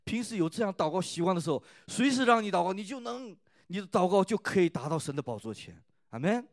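A man gives a sermon at a youth church service, retelling scripture in a chatty tone. His voice sits a little high, and he keeps asking the listeners whether they follow. The recording is close and dry. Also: expressive, quick pace, no room sound. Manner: keeps asking the listeners "right?" with many "ah" fillers; retells and rereads scripture in a conversational tone.

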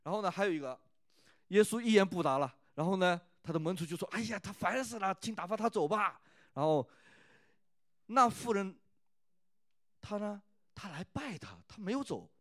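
A man gives a sermon at a youth church service, retelling scripture in a chatty tone. His voice sits a little high, and he keeps asking the listeners whether they follow. The recording is close and dry. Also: no echo. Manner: keeps asking the listeners "right?" with many "ah" fillers; retells and rereads scripture in a conversational tone.

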